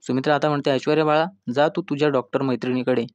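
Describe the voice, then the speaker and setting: A man's voice: mid-range voice, level tone, rapid-fire, no echo. A man narrating a scripted recap of a TV serial episode, retelling scenes and reading the characters' lines aloud, and at times addressing listeners as friends.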